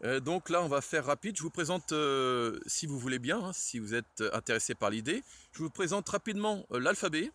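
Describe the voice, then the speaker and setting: A man's voice: on the high side, expressive, brisk, few pauses, fairly bright tone. A man giving a casual spoken lesson on a language's alphabet, hesitant, with many fillers and self-corrections, shivering a little in the cold. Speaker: Esperanto enthusiast presenting the alphabet. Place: outdoors in the cold.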